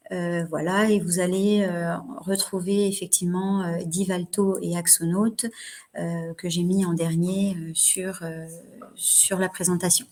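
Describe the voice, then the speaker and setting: A woman's voice: fairly low pitch, a little mellow. Hesitant woman presenting with many fillers. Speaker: trainer presenting a webinar. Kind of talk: live online workshop presentation.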